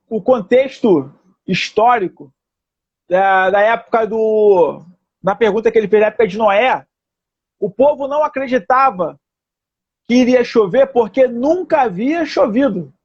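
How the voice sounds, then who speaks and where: A man's voice: extremely high pitch, darkish tone, husky, dry recording. A man joining a religious discussion over a call, hesitant and correcting himself. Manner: hesitant, restarts and self-corrects. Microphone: remote call. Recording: dull, dry call audio.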